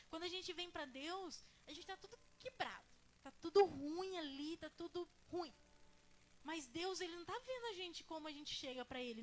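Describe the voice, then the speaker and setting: A young Brazilian woman preaching in an informal, earnest way, sharing her own story with frequent fillers and restarts. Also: sits high. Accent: Brazilian Portuguese. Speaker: preacher at a church ministry. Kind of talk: conversational sermon with personal testimony.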